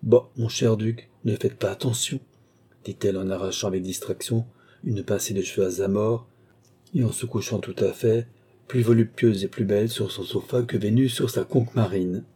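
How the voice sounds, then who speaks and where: A man narrating a classic novel aloud with steady, measured storytelling. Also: lowish voice, slightly rough. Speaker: audiobook narrator.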